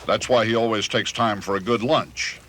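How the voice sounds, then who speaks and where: Wry, bright news narrator. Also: male voice, on the low side, normal speed, slight background noise. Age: older. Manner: wry, mock-sports commentary delivery. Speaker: TV news correspondent. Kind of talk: scripted narration. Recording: 1980s TV news voice-over.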